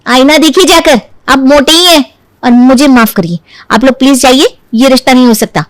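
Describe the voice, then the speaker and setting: Woman doing a snooty rude young beauty in a cartoon, squeaky high and blunt. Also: normal speed, dry recording, close to an everyday voice. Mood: scornful. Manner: scornful, blunt.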